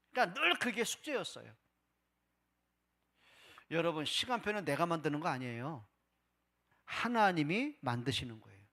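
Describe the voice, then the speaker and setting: A male pastor preaching a Sunday sermon, asking rhetorical questions and voicing people's doubts, swinging between loud and hushed. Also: sits high. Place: church service.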